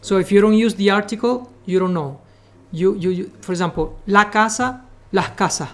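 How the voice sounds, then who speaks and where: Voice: mid-range voice, normal speed, fairly bright tone. A native Spanish speaker from the Caribbean teaching a live coding class with a Caribbean Spanish accent, explaining step by step and often saying "remember" and "okay". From Latin America, Caribbean. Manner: repeats 'remember' and 'okay', explains step by step, coaxes students. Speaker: programming instructor.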